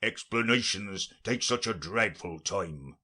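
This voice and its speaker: A solemn, impatient storybook Gryphon, as a male narrator puts him on, pushing each word out louder and slower than the narration. The voice stays low and husky. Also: lively intonation, exaggerated voice. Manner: solemn, slow and emphatic. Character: gruff, impatient mythical creature, the Gryphon.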